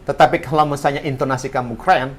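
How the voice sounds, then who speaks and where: A man's voice: medium pitch, fast. A man from Tobelo on Halmahera, a podcast guest, telling stories in casual chat, switching into English and laughing often. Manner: animated storyteller mixing in English, laughs often.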